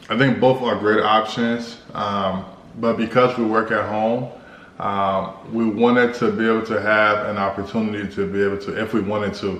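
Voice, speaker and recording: An American man co-hosting a casual Q&A vlog, explaining things in a measured, halting way. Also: fairly low pitch, fairly bright tone. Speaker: vlog co-host. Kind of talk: casual couple Q&A chat. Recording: roomy echo with clear background noise.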